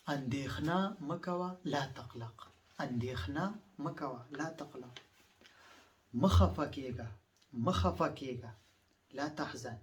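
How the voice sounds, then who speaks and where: A man's voice: medium pitch, far from the mic. A man from Afghanistan whose first language is Pashto, teaching phrases in a lesson and repeating each one several times with patient explanations.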